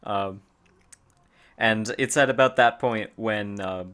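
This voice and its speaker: Male game master, low voice, halting casual narration. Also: fairly bright tone. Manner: halting narration with fillers, chuckling.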